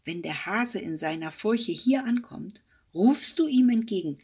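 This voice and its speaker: A woman voicing a bossy, cunning male hedgehog in a fairy tale, gruff and commanding. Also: mid-range voice, lively intonation, a little slow, a little mellow. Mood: scheming.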